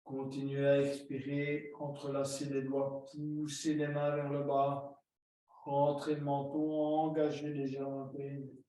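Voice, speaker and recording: A man leading a yoga class, giving slow, calm breathing and posture cues step by step. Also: medium pitch. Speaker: yoga teacher. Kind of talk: guided yoga instruction. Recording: very echoey room, distant mic.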